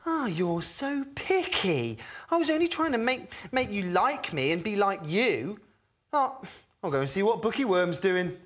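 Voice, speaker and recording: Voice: mid-range voice, sing-song, a little slow, fairly bright tone. A performer playing a silly, eager adult man in a kids' puppet show, with bouncy put-on voices. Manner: bouncy, goofy, swooping voice put-ons.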